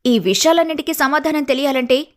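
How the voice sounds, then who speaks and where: A woman's voice: high-pitched, a little fast. Woman narrating a cartoon story.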